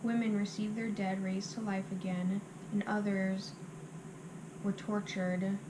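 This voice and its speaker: Female reciter, mid-pitched and monotone, delivering memorised scripture by rote in halting phrases; noisy amateur recording.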